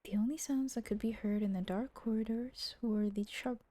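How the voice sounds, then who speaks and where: A woman livestreams a visual novel, voicing the story with dramatic reading and tossing in casual, playful reactions. Her voice is on the high side, steady and warm at a moderate pace, with no room sound.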